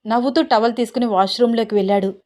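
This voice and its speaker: A woman narrating a romance story in a gentle, unhurried storytelling manner. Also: a little high, steady tone.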